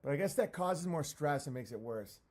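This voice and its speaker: Higher-voiced man ranting on a livestream. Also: expressive, a little fast, a little mellow. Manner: profane, self-deprecating. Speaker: live streamer. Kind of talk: casual livestream rant, answering chat comments.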